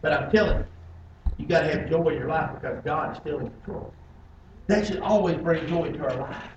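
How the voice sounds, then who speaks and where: A man preaching a sermon as pastor, swinging between loud emphatic stretches and low, quiet ones. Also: brisk, lo-fi sound, noisy background. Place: church sanctuary. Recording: echoey church from a distance.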